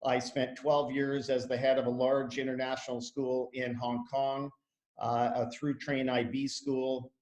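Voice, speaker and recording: A man's voice: medium pitch, little pitch movement, unhurried, darkish tone, echoey room. A man in his fifties, a school head giving an online information session in an earnest, conversational way, with many fillers and restarts. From Canada.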